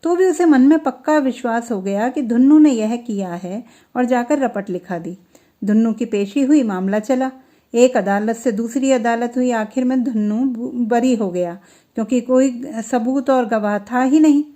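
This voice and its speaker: Narrating a classic Hindi tale, this woman's fairly high-pitched voice keeps a steady, measured storytelling rhythm. Each sentence softly falls away at its close.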